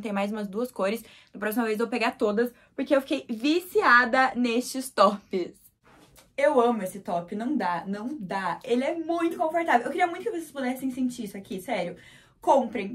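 A young woman with a Brazilian accent talks through a clothing haul in a high, bright voice. She gushes and repeats words for emphasis, shivering from the cold as she goes. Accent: Brazilian Portuguese. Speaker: fashion vlogger. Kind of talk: casual clothing haul vlog.

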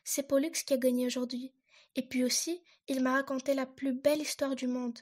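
A woman voicing a boastful little boy beaver who gloats loudly. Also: sits high, little pitch movement, fairly quick. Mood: meek. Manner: gloating, loud and bouncy.

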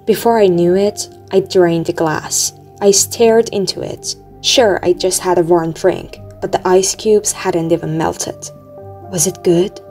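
A woman reading an audiobook aloud in a steady, measured storytelling manner. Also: lowish voice. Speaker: audiobook reader. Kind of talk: audiobook narration. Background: faint music.

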